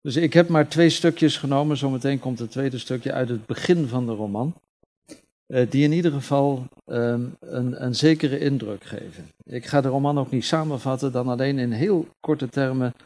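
A man talks freely at a book reading, explaining as he goes and pausing to search for words. His voice sits at an ordinary middle pitch for a man. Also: darkish tone. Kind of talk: unscripted talk about a novel.

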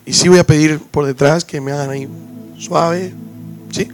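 A man's voice: a little high, fairly even intonation, normal speed, faint music behind. A man preaching as pastor, reading scripture, praying and giving an emphatic sermon that repeats its key phrases.

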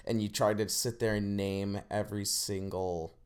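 A young man co-hosting a podcast, chatting casually in an animated, rambling way and laughing often. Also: lowish voice, moderate pace, smooth. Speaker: podcast co-host. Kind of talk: casual chat.

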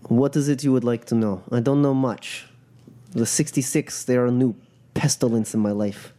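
Man playing a scornful, mellow-voiced captive crime boss. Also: mid-range voice, fairly even intonation, lightly acted. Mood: wary, resigned. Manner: measured, formal, disdainful phrasing.

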